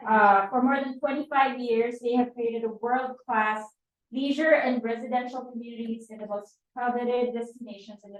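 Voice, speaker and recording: A woman, presenting at a meeting in a hesitant way with many fillers. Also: on the high side. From Philippines. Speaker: transaction coordinator. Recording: very echoey room, voice far from mic.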